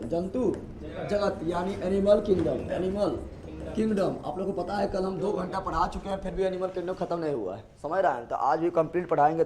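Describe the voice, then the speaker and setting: A man teaching a live online biology class in with a lilt, repeating questions and answers to his students. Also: a little high. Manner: repetitive call-and-response questioning.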